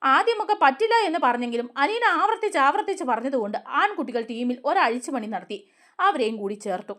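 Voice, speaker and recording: Expressive woman reading a story. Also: high-pitched. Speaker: story narrator. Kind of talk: reading a serial story aloud.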